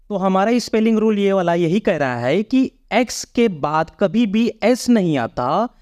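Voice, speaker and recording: Slow, patient Hindi-speaking English tutor. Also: mid-range voice. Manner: repeats each word, quizzing the viewer. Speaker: English teacher. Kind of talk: slow spelling lesson explained in Hindi.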